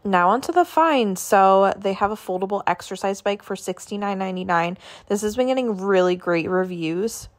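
A woman's voice: mid-range voice, lively intonation, normal speed, few pauses. A woman vlogging a casual walk through a grocery store, chatting about products and prices as she films on her phone. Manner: chatty, listing items and prices. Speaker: shopping vlogger.

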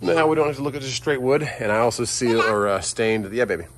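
A woman's voice: very deep voice, fairly even intonation, fast, a crowd in the background. A woman chatting casually in a home vlog, laughing at herself, filmed on a handheld phone in her car, yard and house. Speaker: vlogger, trucking dispatcher wife. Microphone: handheld phone camera. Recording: noisy phone recording.

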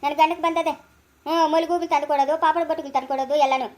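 Brief: woman doing a scolding village auntie from chikkaballapura, very high voice, fast talker. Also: fairly even intonation, a little mellow, natural voice. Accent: Kannada, Chikkaballapura. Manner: scolding, nagging. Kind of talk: family skit acting.

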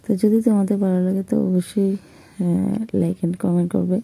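A woman vlogger, eating while talking to her viewers in a relaxed, halting way with fillers. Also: mid-range voice, gravelly, husky, low-quality recording. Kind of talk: casual eating-show talk to viewers.

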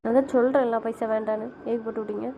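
A woman's voice: fairly high pitch, fairly even intonation, rapid-fire, noisy background. A woman talking with her husband on a phone call, sulky and pleading, pressing him with questions. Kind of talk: casual phone conversation.

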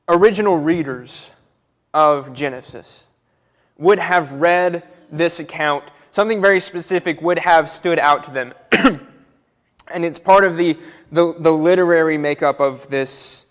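A young man preaching a sermon from a church pulpit, earnest and repeating words as he builds each point. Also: fairly high pitch. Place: church auditorium, speaking from a pulpit. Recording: church hall with long reverb.

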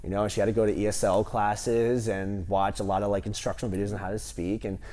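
A man in his thirties, a gym owner, answering interview questions with animated stories and lots of fillers, on a lapel mic in a large gym. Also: lowish voice, fast talker. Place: large empty gym, indoors.

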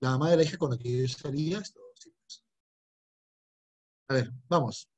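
A man's voice: medium pitch, moderate pace, a little mellow. A middle-aged man, teaching an online history class and teasing and scolding his students with jokes.

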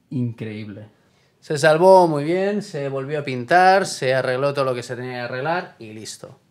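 A man's voice: medium pitch, mellow, no echo. A man in his thirties vlogging while driving and touring an apartment, chatty and joking, talking with his hands. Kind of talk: casual vlog talk. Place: inside a car and an apartment, outdoors in mountains. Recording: music bed under the voice.

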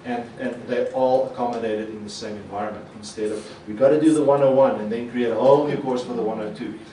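In a conference hall with a projector screen, a native Afrikaans speaker presents quickly in a medium-pitched voice. The podium mic is somewhat distant, so the sound is echoey with a little hiss or hum. His delivery is animated, full of gestures and performed versions of quoted reactions.

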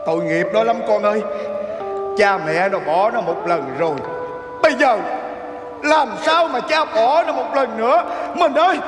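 A stage actor playing a grieving old grandfather in Vietnamese reformed opera, pleading in drawn-out, wailing sung lines. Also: very high-pitched. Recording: reverberant stage with loud music.

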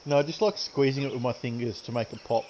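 A man's voice: medium pitch, fast, darkish tone, slight background noise, low-quality recording. A man chatting casually and joking while streaming a golf game, often laughing. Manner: joking, laughs often, talks with his mouth full. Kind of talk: casual gaming chat.

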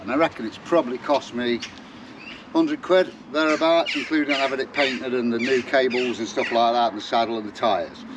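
A man with a broad Derbyshire, East Midlands accent talks casually to camera like a vlogger. His voice sits at a medium pitch and his manner is jokey and full of slang. There is some light background noise on the recording. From Derbyshire, England. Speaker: vlogger presenting a bike restoration. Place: mostly outdoors in a garden, some in a wooden shed workshop.

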